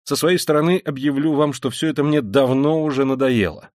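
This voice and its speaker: Guy doing a proud young student on edge, shouting, dry sound. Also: fairly low pitch, big pitch swings, moderate pace, dry recording. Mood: agitated. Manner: tense, shouting in outbursts.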